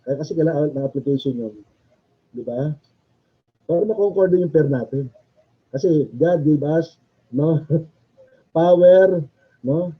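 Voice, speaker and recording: A man's voice: fairly high pitch, unhurried, long pauses, breathy edge. A male chaplain, preaching in a chatty way, laughing often and asking the audience questions. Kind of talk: sermon. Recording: dull lo-fi recording.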